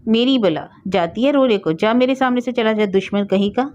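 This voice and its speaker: A sharp, raised voice for a scolding village aunt who threatens and drives people off, as a woman reading a storybook puts her on. She pitches it higher and louder than her narration. The sound is slightly dull and lo-fi. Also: moderate pace, natural voice. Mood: angry. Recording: dull lo-fi recording.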